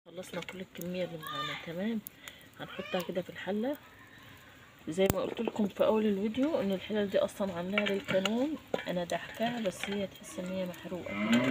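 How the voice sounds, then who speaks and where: A woman's voice: on the low side, very noisy. A woman with an Egyptian Arabic accent and a stuffy nose from a cold, casually talking viewers through home cooking step by step. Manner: homely, instructional, talks through each step.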